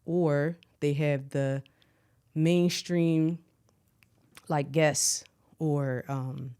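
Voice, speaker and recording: An American woman from Philadelphia, a shoe designer, talking as a podcast guest in a relaxed, conversational way. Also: low-pitched, extremely slow, clean tone. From Philadelphia, USA. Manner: relaxed, conversational, often asks "you know what I mean". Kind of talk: casual interview talk.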